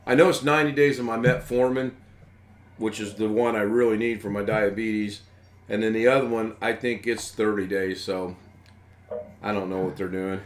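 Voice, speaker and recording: A man's voice: lowish voice, steady tone, moderate pace, a little hiss or hum. Chatty American man hosting a livestream. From United States. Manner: rambling, chatty, chuckling. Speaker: live stream host. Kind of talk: casual live-stream chat.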